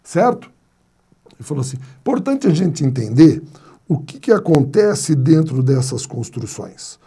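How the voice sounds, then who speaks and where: Lively husky teacher, man. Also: on the high side, unhurried. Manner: asks and answers his own questions, playful anecdotes. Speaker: grammar teacher. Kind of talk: classroom lecture on spelling rules.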